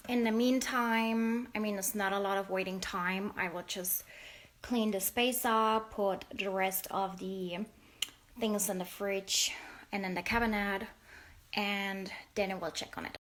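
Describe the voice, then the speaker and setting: A woman's voice: medium pitch, fairly even intonation, a little slow, a bit bright. A woman with a German accent, chatting casually through a cooking demonstration and now and then hunting for the English word. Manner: chatty, searching for English words. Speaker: cooking vlogger. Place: home kitchen. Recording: echoey kitchen, mic at a distance, clattering dishes.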